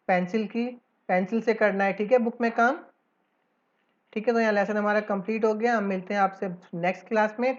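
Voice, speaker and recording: A woman teacher walks children through a textbook exercise, reading the English lines out slowly before explaining them. Her pitch sits at an ordinary middle level for a woman. The recording is a bit dull and lo-fi. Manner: frequent "theek hai" check-ins. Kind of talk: lesson explanation for schoolchildren. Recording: slightly dull lo-fi audio.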